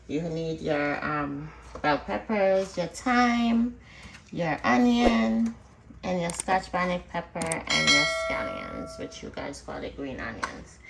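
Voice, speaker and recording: A woman hosting a cooking vlog chats casually and directly to her viewers in a lowish, expressive voice with vocal fry, speaking slowly. She's recorded off the mic from a distance in a roomy space, with music and noise in the background.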